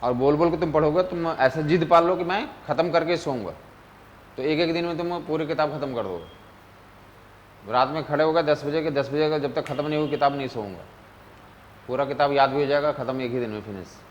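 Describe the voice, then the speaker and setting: A man gives a relaxed physics lesson, his voice sitting a little high. He keeps checking that his students are following and slips English technical terms into the talk. A faint noise runs under the recording. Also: brisk, lo-fi sound. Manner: mixes Hindi with English terms. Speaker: physics teacher. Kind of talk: casual classroom lecture.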